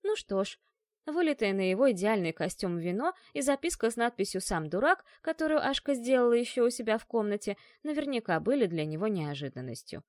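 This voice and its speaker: A woman reads a fantasy novel aloud as an animated storyteller. Her voice sits a little high and moves a lot in pitch, recorded close with no room sound. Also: a little fast, no room sound. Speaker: audiobook narrator. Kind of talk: expressive fantasy audiobook reading.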